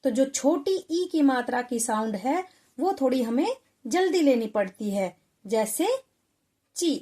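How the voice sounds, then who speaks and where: A woman's voice: high voice, animated, unhurried, dark tone. A woman teaching a Hindi lesson to children, patiently sounding out syllables one by one.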